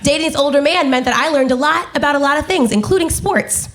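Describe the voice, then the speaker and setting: A woman in her twenties performing a stand-up comedy set on a club stage, animated and acting out other people's voices. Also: sits high, fast talker.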